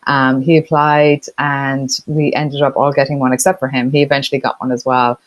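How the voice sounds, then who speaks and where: A middle-aged Irish woman, a partnerships expert appearing as a guest, chats easily in a casual interview with plenty of fillers. Her Irish accent carries a touch of Boston, and her rumbling low voice shows little pitch movement at a normal speed in a dry recording.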